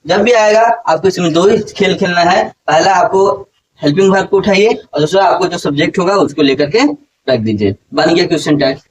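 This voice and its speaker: A man with a high voice teaches a grammar lesson in a classroom. He keeps quizzing his students and repeating the main points. He sounds somewhat distant from the mic, with faint background noise. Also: fairly quick.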